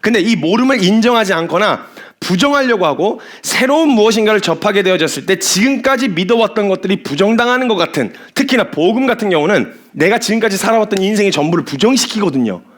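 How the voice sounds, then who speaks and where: A man preaching a sermon as a missionary, animated, laughing often and acting out the people he describes. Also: high voice, quick pace.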